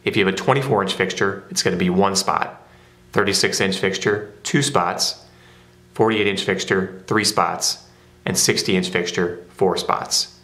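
A man's voice: low-pitched, steady tone, a little slow, sharp tone. A man narrating a step-by-step product how-to in a plain, methodical way. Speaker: product demonstrator. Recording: roomy echo.

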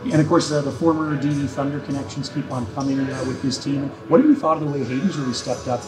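Fast, chatty rink broadcaster. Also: male voice, mid-range voice, music in the background, low-quality recording. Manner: chatty, long setup questions. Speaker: team broadcaster. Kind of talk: postgame player interview. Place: indoor ice arena. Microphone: handheld mic.

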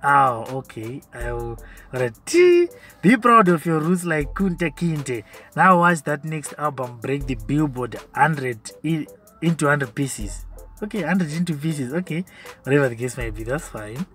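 A chatty young man with a Zimbabwean accent, speaking in a slightly high voice and laughing easily. He reads comments aloud in a loose, conversational podcast style, with faint music playing behind him. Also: lively intonation, a little slow, a bit bright. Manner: chatty, laughs often, mixes in Shona phrases. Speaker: podcast host. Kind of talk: casual commentary reading social media comments.

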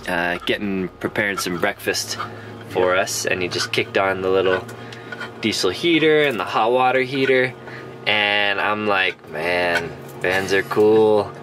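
A camping vlogger in his thirties chats casually to a camera held at arm's length, inside a camper van and out at a forest campsite. His voice is low-pitched, steady and a little slow, with background noise.

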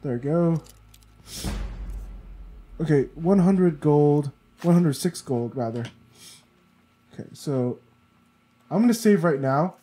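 Here a let's play gamer speaks slowly in a slightly high, dark-toned voice, leaving long pauses, with a little hiss or hum on the recording. He's congested and sniffly, muttering casual gameplay remarks to himself.

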